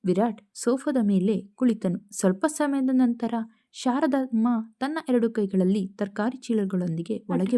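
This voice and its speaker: A woman telling a romantic audio story in steady, scripted narration. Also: mid-range voice.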